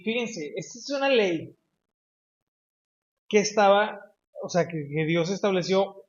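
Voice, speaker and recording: High-voiced Mexican preacher in a roomy hall. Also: male voice, highs cut off. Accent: Mexican Spanish. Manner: teaching, addresses the congregation directly with questions. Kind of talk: sermon. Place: church hall.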